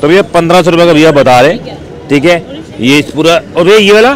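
Quick high-voiced man vlogging a street market. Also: animated, low-quality recording. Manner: upbeat, repeats "bhai" and "theek hai". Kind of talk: walking market vlog, chatting with sellers. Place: busy outdoor street market. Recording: outdoor crowd noise behind. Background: crowd chatter and traffic.

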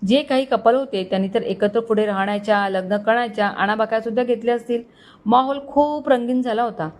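A woman storyteller reading a romantic story aloud in a steady, expressive way. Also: fairly high pitch, fairly quick. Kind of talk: scripted story narration.

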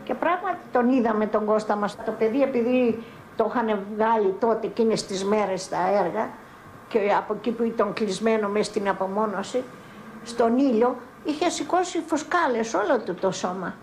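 An older woman from Greece giving spoken testimony as a mother in a documentary, telling her story in halting, broken-off phrases. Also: on the high side, a little mellow, a little hiss or hum. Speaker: mother recounting her son's arrest. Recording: roomy archival 1982 film sound.

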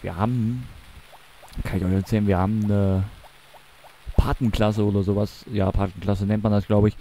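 A lowish, mellow voice with a level tone and moderate pace belongs to a young let's play commentator with a Mansfeld regional accent from eastern Germany. He talks about the game in a rambling, self-correcting way, with a bit of hiss or hum present.

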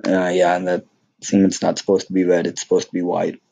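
A man's voice: sits low, completely flat delivery, a little fast, vocal fry, mellow. A young man giving casual, joking gameplay commentary, rambling with many fillers and mocking himself. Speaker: gaming YouTuber.

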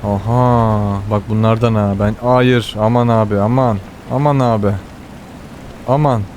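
A man with a Turkish accent giving excited running commentary while playing a game, often repeating words and exclaiming. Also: fairly low pitch, a little slow, a little hiss or hum. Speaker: gamer.

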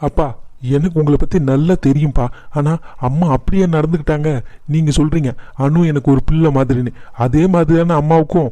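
A firm, protective young husband, voiced by a man in a cartoon. He speaks earnestly in a mellow, fairly high voice. The sound is dry and close. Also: steady tone, fairly quick, no room sound, lightly acted.

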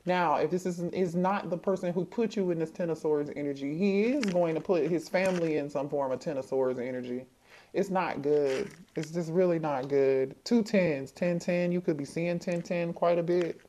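A woman with a low, mellow voice gives a casual tarot reading, talking to the cards and thinking out loud. She circles back and repeats her questions as the cards turn up. There is a faint hiss behind her. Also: moderate pace. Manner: thinks aloud, talks to the cards, repeats herself. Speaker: tarot reader.

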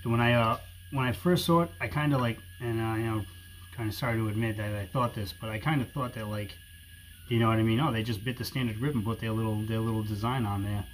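A man with a New England accent talks in a fairly low voice, reviewing gear for viewers. His delivery is informal and conversational, often hedging his opinions. There is some faint steady noise behind him. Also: fast talker, low-quality recording. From New England, USA. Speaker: firearms review video host. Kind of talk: casual product review talk to viewers.

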